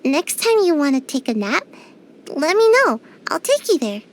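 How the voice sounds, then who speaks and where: In game voice lines, a woman plays a tiny, sleepy young ninja girl who sounds drowsy, a bit whiny, shy and grumpy. Her voice is high and sing-song, delivered at a moderate pace.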